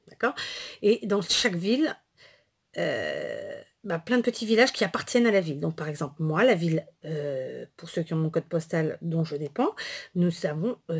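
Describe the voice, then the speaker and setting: A woman's voice: fairly low pitch, darkish tone, breathy edge. A woman in her thirties chatting casually to camera in a rambling way, with lots of asides and fillers. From France. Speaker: vlogger.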